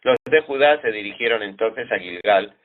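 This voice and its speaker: A man reading scripture aloud in a steady, measured way. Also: on the low side. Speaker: Bible reader. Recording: tinny phone-like sound.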